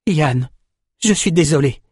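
A man voicing a gentle young male swordsman, earnest and pleading, in a storybook reading. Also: fairly high pitch, animated, a little slow, husky, no room sound, studio quality, voice pushed up.

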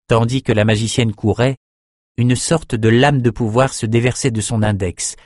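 A man narrating a fantasy audiobook in a steady, measured storytelling voice. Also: medium pitch, no echo, studio quality.

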